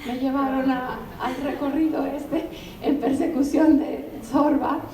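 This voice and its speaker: Older woman, translator giving a talk, animated storytelling, high-pitched, recorded from a distance in a roomy bookstore. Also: a little slow. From Mexico. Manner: animated, conversational storytelling with asides to the audience. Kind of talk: anecdotal public talk. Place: bookstore event room. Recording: roomy, distant, faint ambient noise.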